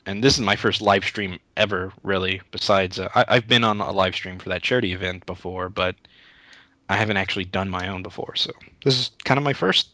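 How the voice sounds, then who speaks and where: Bright-voiced young man rambling casually. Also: sits low, fairly quick, no room sound. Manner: rambling, with frequent restarts and "uh". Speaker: YouTube Let's Play creator, interview guest. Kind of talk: casual livestream interview answers.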